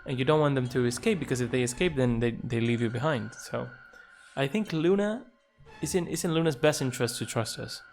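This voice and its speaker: A man streaming a video game live, reasoning through his choices out loud with playful, jokey asides. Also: mid-range voice, a little fast, soft background music. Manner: thinks aloud, reasoning things through. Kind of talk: live gameplay commentary.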